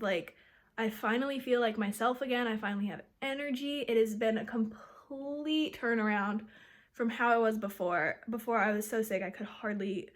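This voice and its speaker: A woman's voice: fairly high pitch, a bit bright. A young woman chatting casually to camera in an upbeat way, filling her talk with "like" and "um". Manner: chatty, upbeat, many "like" and "um" fillers. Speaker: vlogger. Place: at home and later outdoors and in a car.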